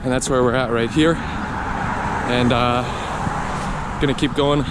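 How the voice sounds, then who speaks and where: A man's voice: medium pitch, fairly even intonation, slow pace. Male vlogger, talking while running, casual, effortful speech, noisy outdoor sound. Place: outdoors on paths and roads. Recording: noisy outdoor wind and ambience.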